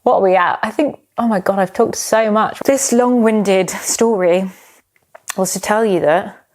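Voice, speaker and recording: A woman's voice: medium pitch, a little slow, darkish tone. A British woman in her thirties, hosting a solo podcast and telling a personal story in a candid, rambling way, sometimes teary. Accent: British English. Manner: rambling, candid, swears casually. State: emotional, tearing up. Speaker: podcast host.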